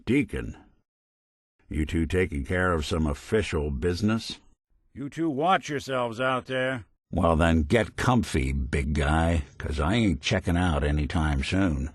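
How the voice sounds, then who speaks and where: This video game companion is a world-weary robot private eye with a lowish voice, recorded close and dry with no room sound. His delivery is animated and unhurried, swinging expressively up and down. His lines are full of wry, old-fashioned gumshoe slang, folksy and loyal.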